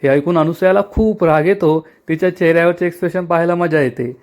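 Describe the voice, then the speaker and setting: A man retelling a TV serial episode in lively storytelling style. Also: on the high side, quick pace. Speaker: serial recap narrator.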